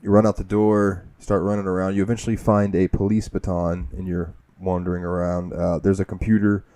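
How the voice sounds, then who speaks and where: A man with a low, warm, mellow voice retells a game's opening on a casual podcast. He rambles and swears freely as he talks. The recording is dry and close. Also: little pitch movement, a little fast, dry recording. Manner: rambling, profane storytelling. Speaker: podcast host. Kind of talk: casual gaming podcast chat.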